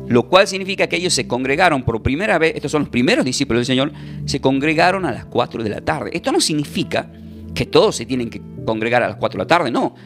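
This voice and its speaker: A man's voice: mid-range voice, animated, fast, faint music behind. A man preaching a sermon as pastor, explaining scripture and asking rhetorical questions of the congregation.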